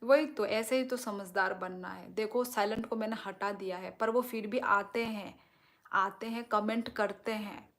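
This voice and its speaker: A woman's voice: medium pitch, steady tone, a little slow, fairly bright tone. A woman hosting a live stream, reading viewers' comments and reassuring them at length. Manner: talks directly to viewers, reassuring and explaining at length. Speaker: livestream host.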